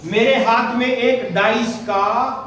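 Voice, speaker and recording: A male schoolteacher leads his class in call-and-response, asking questions and repeating the answers back to them. He sounds distant from the mic in a heavily echoing classroom. Steady background noise sits under his voice. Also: very high voice, slow. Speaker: primary school teacher. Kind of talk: classroom teaching. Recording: very echoey classroom, far from mic, noisy.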